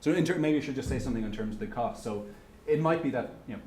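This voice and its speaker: Here a man from Ireland, medium-pitched, expressive and darkish in tone, takes audience questions at an economics lecture with many restarts and fillers. There's a faint hiss or hum in the echoey room.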